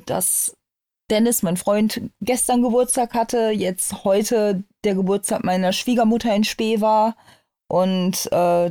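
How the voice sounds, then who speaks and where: A woman co-hosting a casual podcast, her voice mellow and dark-toned. She talks with dry, sarcastic humor. The sound is close and dry, with no room in it. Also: mid-range voice, no echo. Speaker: podcast co-host. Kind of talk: casual chat.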